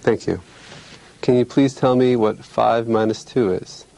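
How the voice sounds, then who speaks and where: Demonstrating an exam in a clinician's role, a man explains and instructs politely, at a measured pace and with clear wording. The mellow, mid-range voice comes through a rough recording.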